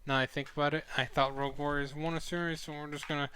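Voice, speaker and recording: Pitched on the high side, this young man speaks fast and flat, with a bright, forceful tone, and a little hiss or hum runs under the recording. He's an esports analyst hosting a weekly live-stream review, chatty and rambling with frequent fillers and self-corrections, his sore throat starting to take his voice.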